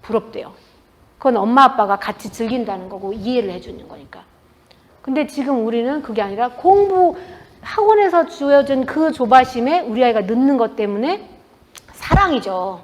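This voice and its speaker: A woman author giving a talk to an audience in a bookstore, telling stories in a lively way and acting out what people said. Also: fairly high pitch, moderate pace. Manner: lively storytelling, acting out quoted dialogue. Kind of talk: public book talk to an audience. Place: bookstore event space.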